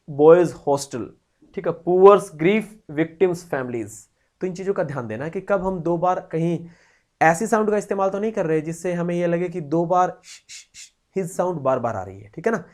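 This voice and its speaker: A man teaching grammar in an online lesson, explaining slowly, repeating key phrases and addressing the students warmly. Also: sits high.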